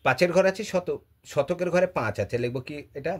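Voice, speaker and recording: Husky-voiced male math teacher. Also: on the high side, a little fast. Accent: Bengali. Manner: asks and answers his own questions; repeats phrases while writing. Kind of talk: classroom lesson at a board.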